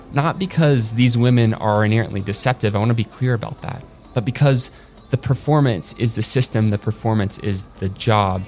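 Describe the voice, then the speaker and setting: Male doc host, fairly low voice, earnest measured narration over music, somber delivery. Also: darkish tone. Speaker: podcast host. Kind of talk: scripted documentary narration.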